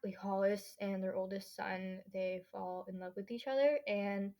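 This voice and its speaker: A woman's voice: medium pitch, fairly even intonation, normal speed, darkish tone. A teenage girl hosting her own podcast, chatting casually and rambling, full of fillers and lost trains of thought. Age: teens. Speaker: podcast host. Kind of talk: casual solo podcast chat.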